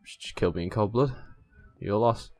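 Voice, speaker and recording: A man hosting a gaming video, giving casual, excitable, mildly sweary commentary as he plays with a friend. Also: on the low side, a little fast.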